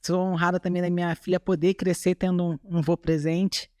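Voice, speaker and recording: A woman's voice: on the low side, level tone, brisk, darkish tone, no room sound, studio quality. A woman from Chile with a Brazilian Portuguese accent, a podcast guest talking earnestly in casual chat. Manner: earnest, tags remarks with "sabe?". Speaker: guest, bodybuilding athlete.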